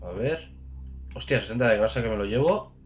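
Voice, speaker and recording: A gaming channel host with a Spain Spanish accent gives casual gameplay commentary in a lowish voice at a brisk pace. He is excitable, swearing and cheering on his teammates, with a little hiss or hum in the audio.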